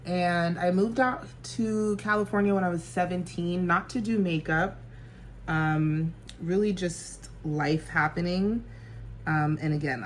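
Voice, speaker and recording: Chatty woman in her thirties, lowish voice. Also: slight background noise. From New Jersey. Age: 30s. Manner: bubbly, chatty, laughs often. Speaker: makeup artist and vlogger. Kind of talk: casual get-ready-with-me chat. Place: home.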